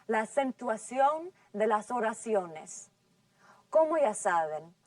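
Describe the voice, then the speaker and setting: A woman teaching an English class, speaking slowly and carefully enunciating so students can follow. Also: a little high, dry recording, recorded from a distance. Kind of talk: scripted language lesson.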